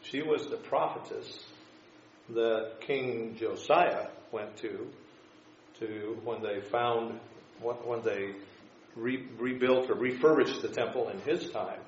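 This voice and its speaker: A man teaching an informal Bible class, explaining scripture and history in a halting, tentative way. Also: mid-range voice. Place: echoing room, teaching a class. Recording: echoey room, dull sound, faint noise.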